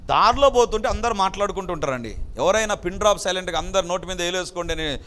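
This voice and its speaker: High-voiced man preaching in a reverberant hall. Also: fast talker, a bit bright. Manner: emphatic preaching with rhetorical questions and English phrases. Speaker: pastor. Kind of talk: sermon.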